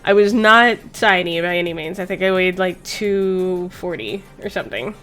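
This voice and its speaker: Her voice sits on the low side and is a bit bright, moving at a moderate pace. This woman in her thirties runs a chat stream over background music, swearing and rambling as she tells personal stories in an informal, chatty way.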